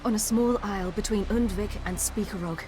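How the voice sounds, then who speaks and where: A woman's voice: mid-range voice, a little fast, background noise, close to an everyday voice. Woman playing a spirited young swordswoman. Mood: frank. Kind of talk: video game voice acting.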